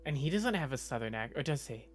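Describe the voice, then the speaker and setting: Talking fast in a bass voice with a sing-song lilt, this woman from the suburbs outside Boston has a light local accent, and soft music plays in the background. She chats casually with her stream chat, rambling through restarts.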